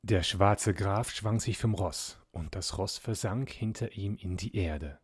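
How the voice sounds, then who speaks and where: A man narrating a fairy tale in a measured, dramatic reading. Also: fairly low pitch, breathy edge, dry recording, studio quality.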